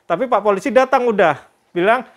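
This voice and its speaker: Casual male vlogger, chatty storyteller, voice sits a bit high. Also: brisk. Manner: chatty, addresses viewers as "Kak"; religious greetings and expressions.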